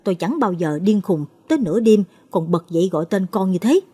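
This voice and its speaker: A woman's voice: medium pitch, lively intonation, fairly quick, mellow, husky. A woman voicing a stubborn middle-aged policeman who snaps at his family. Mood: scolding. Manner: snapping, domineering.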